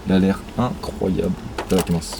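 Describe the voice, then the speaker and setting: A young man talks casually into a handheld camera mic outdoors, with loud rain and traffic hissing around him. His voice sits fairly low, and he chats in slangy, joking bursts, swearing freely as he tastes food. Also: moderate pace, creaky. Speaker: travel vlogger. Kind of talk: casual vlog chat to camera. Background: rain and passing traffic.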